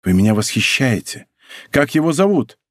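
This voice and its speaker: A man's voice: mid-range voice, very animated, moderate pace, no echo, studio quality. A male reader voicing an ardent, impulsive young nobleman who speaks with passion and bursts into exclamations. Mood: passionate.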